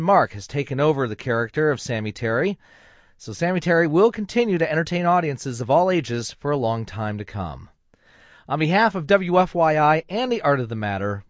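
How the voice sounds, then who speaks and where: A man's voice: fairly high pitch, very animated, moderate pace, dry recording, lo-fi sound. A man hosting on radio, reading a scripted tribute in a presenter's style. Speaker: radio host.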